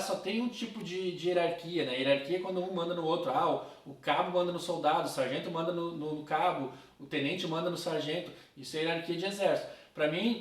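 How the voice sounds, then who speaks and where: A man teaching a philosophy class in a casual way, talking straight to his students. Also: on the high side. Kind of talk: recorded class lecture. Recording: roomy, from a distance.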